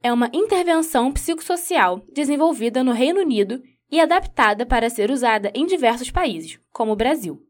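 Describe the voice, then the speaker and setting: A woman news reporter, reading a scripted report in a measured, even way. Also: sits high.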